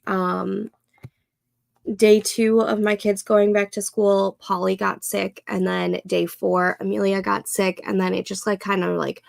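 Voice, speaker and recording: A co-working livestream host in her thirties, congested and a bit nasal, chats slowly and casually while setting up her planner, sometimes talking to herself. Her mid-range voice is level with a touch of fry, recorded close and dry.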